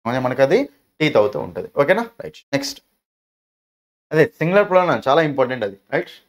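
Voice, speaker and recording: Male teacher with a Telugu accent, quick and high-pitched, runs a classroom grammar drill with rhetorical questions. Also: big pitch swings. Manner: asks questions and answers them himself, calls students "nanna". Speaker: English teacher.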